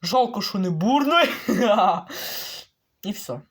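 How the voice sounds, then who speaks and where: A man talking through his gameplay in a loose, casual way. His pitch swings up and down constantly. He curses freely and shouts at the creatures on screen. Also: slow pace, breathy edge. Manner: excitable, swearing, yelling at game mobs. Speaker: let's play gamer.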